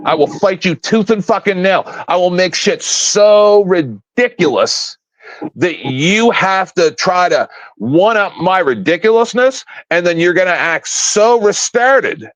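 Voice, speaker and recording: A man in his fifties vents on a live stream, where he's a panel guest calling in from home; his rant is casual but blunt, profane and combative. He has a high, expressive voice and talks a little slowly. Audio is dry, dull and lo-fi.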